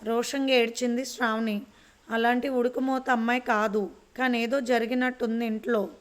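A woman narrating a serial romance story in a steady, even reading. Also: on the high side, moderate pace.

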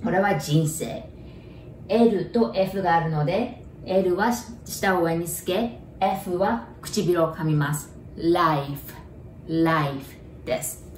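Woman language teacher, low-ish voice, slow careful drilling, distant mic in an echoey room. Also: a little mellow, a little hiss or hum. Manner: slow, careful pronunciation drills with repeated words. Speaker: English teacher. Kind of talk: bilingual language lesson.

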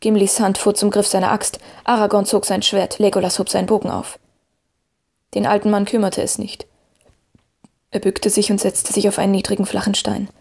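Husky woman narrating a fantasy tale. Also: medium pitch, completely flat delivery, normal speed, a little mellow. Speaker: audiobook narrator.

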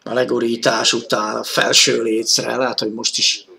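A man giving live football commentary on an old 1980s television broadcast, excited and rising to shouts at key moments. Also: medium pitch, creaky.

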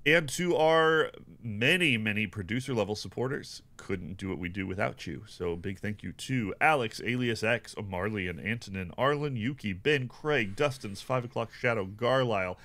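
A man co-hosting a casual podcast, with a fairly low voice. He reads a long list of supporter names in a mock radio announcer delivery. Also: expressive, moderate pace, hardly any pauses, fairly bright tone. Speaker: podcast co-host. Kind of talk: casual podcast chat, reading supporter shout-outs.

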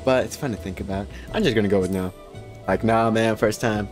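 A man's voice: fairly low pitch, fairly quick, soft background music. A man casually commenting on a game he streams, with chatty, self-mocking asides.

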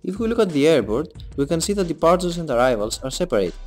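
A young man giving a scripted voice-over for a design presentation, in a measured, explanatory read. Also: a little high, big pitch swings. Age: young adult. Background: soft background music.

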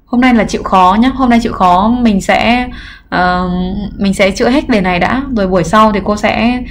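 A woman English teacher giving a livestreamed exam review lesson, explaining patiently and pausing on filler sounds. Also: mid-range voice, slight background noise. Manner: explains patiently, often adds "các em" and "nhá"; frequent filler hesitations. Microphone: computer mic during livestream.

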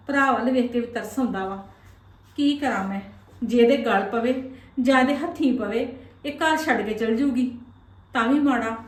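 In an echoey room, a woman's slightly high, fairly ordinary voice comes from a distance as she plays a wronged visiting aunt in a comic family skit. Lamenting aloud to herself, she acts out a self-pitying sister and mother who feels badly treated.

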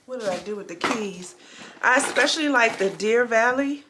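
A woman's voice: fairly high pitch, expressive, moderate pace. A woman chatting casually to her viewers in a home vlog, calling them family and y'all. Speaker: vlogger. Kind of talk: casual vlog chat to camera. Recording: echoey room, faint background noise.

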